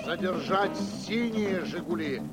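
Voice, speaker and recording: A man voicing a stern police dispatcher who speaks slowly and formally, heard as a distant police radio broadcast. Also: high-pitched, over loud music. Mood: commanding. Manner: slow, formal, announcing. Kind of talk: cartoon voice acting.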